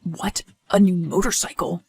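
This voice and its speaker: Woman doing a calm, dry, inquisitive male partner. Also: lowish voice, moderate pace, slightly rough. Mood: curious. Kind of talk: scripted story dialogue.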